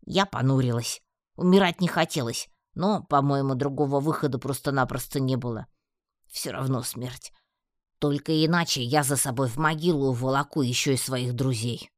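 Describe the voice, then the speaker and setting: A man narrating a fantasy audiobook in the first person, in an even storytelling manner. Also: medium pitch, normal speed, no room sound, clean studio sound. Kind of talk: scripted narration.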